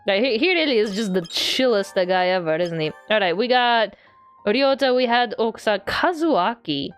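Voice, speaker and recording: A woman's voice: medium pitch, animated, moderate pace, clean tone. A woman streaming a game with casual, playful, rambling commentary. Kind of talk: casual chat, gameplay commentary. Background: game music.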